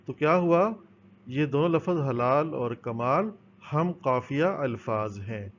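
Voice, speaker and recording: A man's voice: mid-range voice, animated. A man teaching a recorded school lesson, explaining patiently and answering his own questions. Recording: dull, lo-fi with faint noise.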